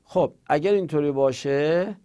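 A man teaching Arabic grammar in a Persian-language class, explaining patiently with filler pauses and rattling off conjugation tables in quick drilled runs. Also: on the high side, warm tone, clear, resonant tone. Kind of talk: classroom lecture on verb conjugation.

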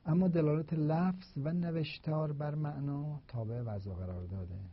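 A man lecturing on philosophy of language, explaining slowly and deliberately with repeated examples. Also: on the high side, husky. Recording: dull, lo-fi recording.

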